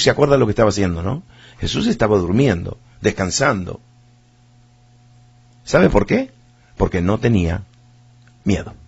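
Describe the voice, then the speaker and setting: A man's voice: fairly low pitch, gravelly, a little mellow, husky. A man preaching a sermon, emphatic and repetitive, speaking straight to his listeners and reading scripture aloud. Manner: emphatic, repeats words, addresses listeners directly. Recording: dull lo-fi sound.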